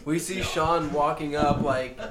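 A man's voice: a little high, steady tone, measured pace, over a noisy crowd. A man on a podcast telling a funny story about a friend, laughing and acting out the lines. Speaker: podcast co-host. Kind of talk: storytelling in casual chat.

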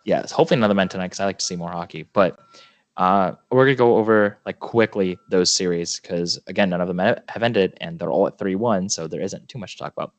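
A man's voice: deep voice, no echo. A man co-hosting a hockey podcast, easygoing and casual as he runs through the show's list. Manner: easygoing, quick agreeing interjections. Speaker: podcast co-host. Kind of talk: casual chat and show rundown.

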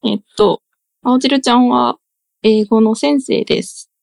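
A woman's voice: on the high side, fairly even intonation, unhurried, gravelly, darkish tone, no echo. A woman hosting a casual podcast chat, hesitant and full of fillers. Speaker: podcast host.

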